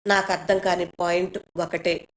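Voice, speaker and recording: Woman storyteller, lowish voice, measured, expressive first-person reading. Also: slight background noise, poor audio. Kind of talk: reading a short story aloud.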